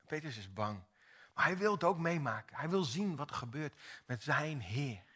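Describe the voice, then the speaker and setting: A man preaching a sermon, retelling a story dramatically with lively acted-out dialogue. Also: fairly high pitch, normal speed, husky.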